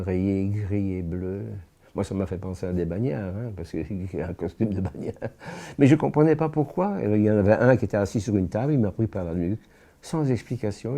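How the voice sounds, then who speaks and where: In a low, very dark, mellow voice, an elderly French-born man in his eighties testifies as a witness. He tells his story slowly and gravely, frequently pausing and starting sentences over while searching for words.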